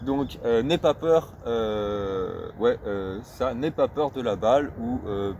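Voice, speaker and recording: In a casual explanatory clip, a street football vlogger speaks with lively intonation and a darkish, mid-pitched voice. Hesitant and often repeating himself while he looks for the right words, he takes English phrases slowly and self-consciously, with a faint hum in the background.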